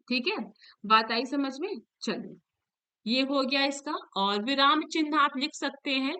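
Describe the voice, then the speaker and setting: A woman's voice: high voice, bright, forceful tone, clean tone. A woman teacher walks students through an exam paper, explaining each answer and often checking in with them. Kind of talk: exam paper walkthrough lesson.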